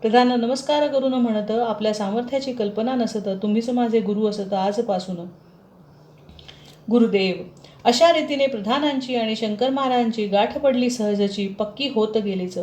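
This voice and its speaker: A woman reciting a devotional text in short verse lines with a steady chanting delivery. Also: fairly high pitch, normal speed, reverberant.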